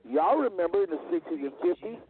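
A man's voice: sits high, expressive, fast talker, phone-quality sound, noisy background. A man hosting a faith network show, talking in a fervent, emphatic preaching cadence. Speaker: network host. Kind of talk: preaching radio talk.

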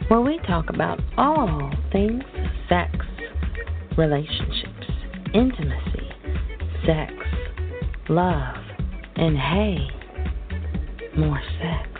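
A woman's voice: deep voice, expressive, slow, pauses often. A woman delivering a scripted show intro with a teasing, sultry emphasis. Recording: phone-like audio with music behind. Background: music.

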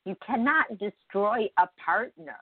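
A woman's voice: medium pitch, animated, measured pace, slightly rough, dry recording, phone-quality sound. A woman hosting a morning show, talking conversationally and emphatically straight to her listeners in a reflective spiritual monologue.

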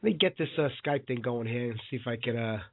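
A man's voice: mid-range voice, expressive, quick pace, slight background noise. A man hosting a casual live radio show, his voice worn by a cold. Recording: phone-like lo-fi audio.

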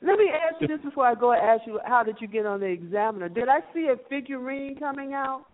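A male radio host questions his guest in a coaxing, playful way. His voice sits high for a man. It comes over a thin, phone-like band. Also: lively intonation, fast talker. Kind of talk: interviewing a guest.

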